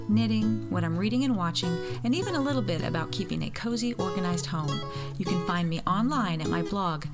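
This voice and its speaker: A woman, hosting a casual, chatty podcast while recording from inside a closet at home. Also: fairly low pitch. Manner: chatty and easygoing, with soft laughs. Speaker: podcast host. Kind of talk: casual solo podcast chat.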